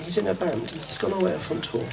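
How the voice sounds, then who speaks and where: A man's voice: sits high, animated, quick pace, vocal fry, noisy background, voice pushed up, full character voice. Man voicing a forlorn young woman in a comic ballad retelling, quoted lightly, heard from a distance. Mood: mock-mournful. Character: weeping young woman waiting on the shore.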